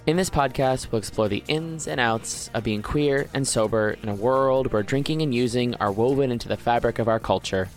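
A man's voice: medium pitch, moderate pace, few pauses, soft background music. A man hosting a podcast, reading a scripted intro and then interviewing a guest in an upbeat, encouraging way. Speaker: podcast host.

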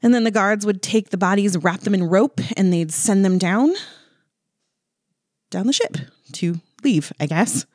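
A woman's voice: mid-range voice, a little slow, darkish tone, no echo, clean studio sound. A woman co-hosting a podcast, telling a history story casually with lots of fillers and wry asides. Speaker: podcast co-host.

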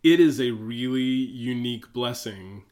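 Easygoing pastor co-hosting a chat. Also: male voice, mid-range voice, a little mellow. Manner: halting, restarts, easygoing and playful. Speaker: pastor and podcast co-host. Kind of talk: casual chat.

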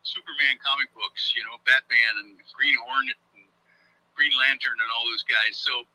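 An older man comes through a speakerphone, his voice very bright and sharp. He talks casually in an interview, halting often with ums and uhs. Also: medium pitch, fairly even intonation, no room sound, rough recording. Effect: heard over a speakerphone. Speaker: guest.

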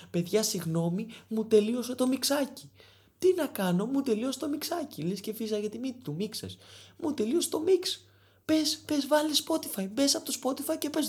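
A woman's voice: fairly high pitch, a little mellow. A tipsy woman, rambling and swearing her way through an exasperated monologue. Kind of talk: drunken rant monologue.

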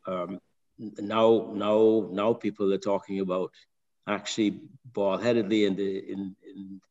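An older Barbadian man with a low voice calls in, working through his point in fits and starts, circling back and repeating words as he searches for the next phrase. His voice carries a long reverb. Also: little pitch movement, a little mellow, muffled recording. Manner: halting, many restarts and repeated words. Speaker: caller. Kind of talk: call-in question.

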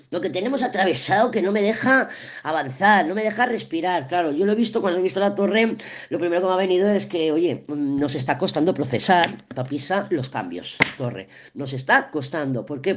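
Woman doing a daily tarot reading, kinda low voice, keeps asking "vale?". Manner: explanatory, conversational, frequent "¿vale?" check-ins. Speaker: tarot reader.

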